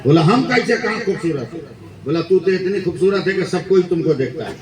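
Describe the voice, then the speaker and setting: Indian-accented male preacher, slightly high voice, tells stories and rouses the crowd to shout back, echoey PA sound. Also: lively intonation, fairly quick. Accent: Indian Hindustani. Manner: storytelling with acted dialogue, rising to shouted calls for the crowd to respond. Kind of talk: Islamic religious speech at a conference. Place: large conference gathering. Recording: echoey public address, crowd behind.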